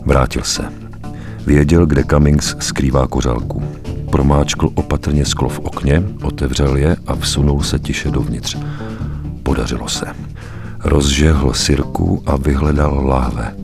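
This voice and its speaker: A man reading a story aloud as a narrator, grave and measured, with weighty pauses. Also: very deep voice, fairly even intonation, vocal fry, music in the background. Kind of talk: dramatic audiobook narration.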